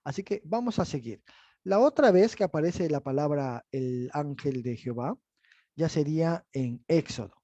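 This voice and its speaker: A man leads a bible lesson in a slightly higher, mellow, dark-toned voice. He explains patiently and keeps checking that his listeners follow along. The sound is dry and a little dull, without much room around it. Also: moderate pace, no echo. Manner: explanatory, asks the audience "¿verdad?". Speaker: bible teacher. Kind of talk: teaching a bible class.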